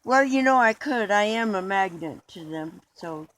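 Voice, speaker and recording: A man's voice: high-pitched, expressive, moderate pace, a bit bright, rough recording. A man being interviewed in a mock documentary, talking in an earnest, rambling way with restarts.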